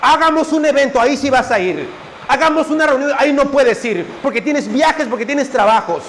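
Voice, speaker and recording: A man's voice: very high-pitched, animated, a little fast, a bit bright, slight background noise. A man preaching a fervent sermon at a church service, speaking straight to his congregation. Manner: fervent, directly addressing the congregation as brothers.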